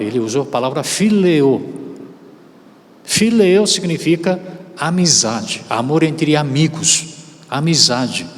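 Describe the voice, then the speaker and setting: Pastor preaching in a reverberant church. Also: male voice, fairly high pitch. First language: Korean. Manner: rises loud and slows down for emphasis. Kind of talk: sermon. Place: church sanctuary. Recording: long hall reverb.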